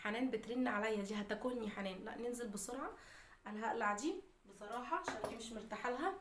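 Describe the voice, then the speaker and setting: A woman's voice: fairly high pitch, very fast, background noise. A woman with an Egyptian Arabic accent, chatting casually to her viewers in a daily vlog. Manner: chatty, talks straight to viewers. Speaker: vlogger.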